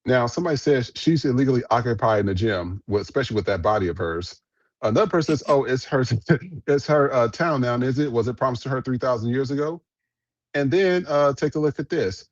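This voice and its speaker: A podcast host rants bluntly and with plenty of swearing as he reacts to viral clips, wandering from point to point. His mid-pitched voice is close, dry, and echo-free, expressive and a little quick. The lo-fi recording sounds slightly dull.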